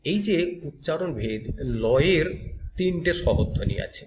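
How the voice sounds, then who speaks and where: A man's voice: a little high, animated, unhurried, darkish tone. A male teacher giving a grammar lecture, explaining step by step and asking and answering his own questions. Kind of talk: classroom lecture.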